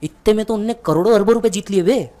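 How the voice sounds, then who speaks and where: A man's voice: high voice, fast, warm tone. A man giving a motivational speech, telling a dramatic story straight to the listener. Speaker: motivational speaker.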